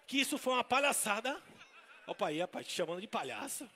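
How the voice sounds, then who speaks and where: Man, Bahian accent, clown magician, very high voice, playful crowd teasing, long hall reverb. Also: very animated, quick pace, pushed and bright. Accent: Bahian Portuguese. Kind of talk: live stage comedy magic act. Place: shopping mall event stage.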